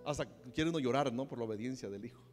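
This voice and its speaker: A man with a Mexican accent preaching a sermon, animated and acting out the voices he quotes. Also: medium pitch, racing. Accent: Mexican Spanish. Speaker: pastor. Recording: long hall reverb with faint music.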